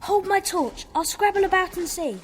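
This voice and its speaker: Here a woman takes on the role of an eager, bossy young detective in a kids' audio drama, her lines urgent and exclamatory. She pitches her voice very high and expressive at normal speed, and a stone dungeon's long echo surrounds her.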